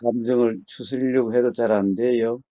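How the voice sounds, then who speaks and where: A man who teaches meditation, counseling a caller calmly and steadily, often murmuring short assents. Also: medium pitch, moderate pace, no room sound, dull audio. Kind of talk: phone counseling talk.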